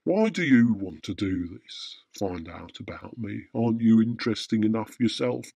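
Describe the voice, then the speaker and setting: A man's voice: lowish voice, lively intonation, moderate pace, gravelly, mellow, breathy edge, dry recording, heavily acted. A man playing a grumpy, self-important old Santa Claus in a radio drama, pompous and easily offended. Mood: confiding.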